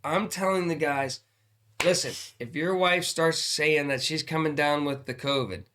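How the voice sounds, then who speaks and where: An older man plays the grumpy old man as he hands out casual, comic advice. His voice is fairly high for a man, with a bright, forceful edge. He is blunt and mock-stern. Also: fairly even intonation, unhurried. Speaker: podcast host giving advice as a grumpy grandpa. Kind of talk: casual comedic advice chat.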